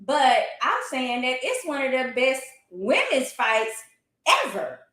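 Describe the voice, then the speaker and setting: Emphatic high-voiced woman talking boxing. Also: big pitch swings, slow, fairly bright tone. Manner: emphatic, colloquial, opinionated. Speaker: boxing talk show commentator. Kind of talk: animated casual sports discussion. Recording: roomy, echoey sound.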